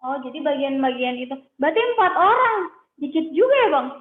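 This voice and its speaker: A woman interviews someone over a phone line, keeping it casual with quick little replies. Her voice is high, and it comes through narrow and tinny, like a phone. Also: sing-song, roomy sound. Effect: heard over a phone line.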